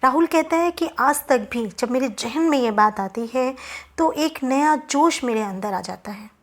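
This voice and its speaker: Woman, high voice, storyteller, conversational moral story, relaxed telling. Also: unhurried. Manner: conversational, relaxed storytelling with small asides and restarts.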